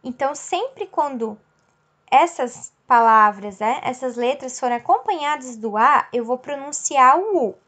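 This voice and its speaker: A woman's voice: high voice, lively intonation, fairly bright tone. A woman teacher explaining a lesson patiently, checking in with her class and stretching out example words. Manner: slow, explanatory, checks in with "certo?" and "ok?".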